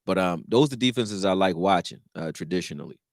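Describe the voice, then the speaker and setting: A fast-talking sports talk host, born in Texas but raised in Philadelphia, riffs on football in a loose, profane Philly style during a casual live stream. He swings between excitement and low mumbling, and the recording is dry with clean studio sound.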